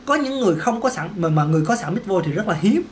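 Lively singing teacher. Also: male voice, high-pitched, fast, slight background noise. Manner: chatty, repeats words, peppers talk with "ok" and "đó". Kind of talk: casual vocal lesson to camera.

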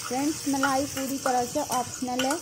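Woman, cooking tutorial voice-over, fairly high voice, clear kitchen clatter behind. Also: level tone, normal speed, very noisy. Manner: instructive, addresses viewers as friends. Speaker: cooking channel host. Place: home kitchen.

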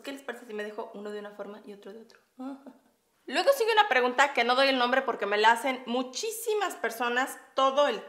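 Laughing often, a Mexican woman in her thirties does her makeup and chats with her viewers in a bubbly, casual vlog. Her voice is fairly high and fairly bright, and her Mexican Spanish accent comes through in an echoey room.

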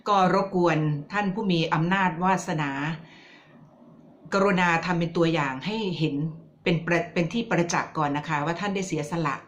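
A woman's voice: lowish voice, normal speed, lo-fi sound, slight background noise. A woman vlogger giving casual political commentary, chatty and teasing as she addresses her viewers directly.

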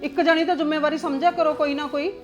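A scheming mother-in-law, played by a woman in a homemade family drama scolds and lectures with a suspicious edge. Her voice sits a touch high, with soft music faintly under it. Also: steady tone, fast talker, natural voice. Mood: lecturing. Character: scheming nagging middle-aged mother-in-law.

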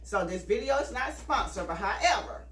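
A woman's voice: fairly high pitch, lively intonation, moderate pace, fairly bright tone. A woman chatting casually for a home vlog as Christmas presents are opened. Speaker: family vlogger and host. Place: living room at home. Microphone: camera several feet away. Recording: roomy, distant camera mic with background noise.

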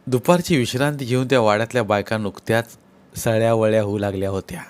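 A man narrating a village novel as an audiobook, reading in a steady, expressive way. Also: lowish voice. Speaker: storyteller.

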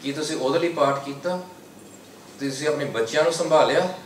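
Man, Sikh preacher, exhorting lecture, raised pitch, distant mic, echoey room, faint hiss. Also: fairly quick. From United Kingdom. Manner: exhorting, repeats slogans in English between Punjabi. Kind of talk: religious lecture to a congregation.

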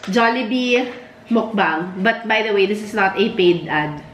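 A woman's voice: mid-range voice, unhurried. Chatty Filipino woman vlogger. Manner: chatty, switches between English and Tagalog. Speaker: vlogger host. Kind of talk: casual chat. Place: indoors at home. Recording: echoey room with faint noise.

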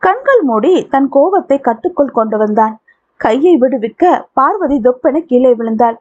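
Female audiobook narrator, high husky voice, thin phone-like sound. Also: moderate pace. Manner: steady storytelling. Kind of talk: scripted narration.

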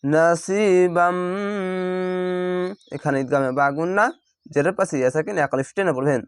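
A man teaching recitation, chanting each word slowly and then patiently spelling it out syllable by syllable. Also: a little high, no room sound. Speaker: Quran reading teacher.

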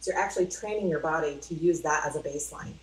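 A middle-aged woman with a low-pitched voice speaks quickly on a video call. As a guest offering mindfulness advice, she explains things in a conversational coaching style. The call sounds roomy and carries a faint hum.

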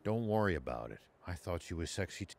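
A gruff, remorseful old ex-general in his sixties, terse and dry, with a low voice that still moves with expression. Music plays under him. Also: very animated, quick pace. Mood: somber. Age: 60s.

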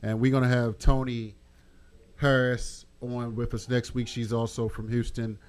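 A man's voice: medium pitch, little pitch movement, a little slow, clean tone. A middle-aged man hosting a radio show, talking casually and informally into a studio microphone in a small studio. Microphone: studio mic on boom arm.

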